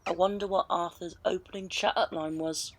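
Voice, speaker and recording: This storytelling travel vlog, shot on location in the countryside, features a man presenting with theatrical flair. His voice is high and a bit bright, with fairly even intonation at a normal speed, as he alternates between narration and talking to camera.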